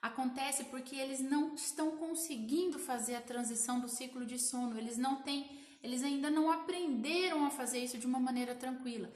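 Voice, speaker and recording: A woman's voice: sits high, brisk, reverberant. A woman in her thirties with a Brazilian accent, a child sleep consultant talking live to viewers, explaining and repeating points. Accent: Brazilian Portuguese. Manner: explanatory, repeats lists and asks "tá?" often. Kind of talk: live social media talk to viewers.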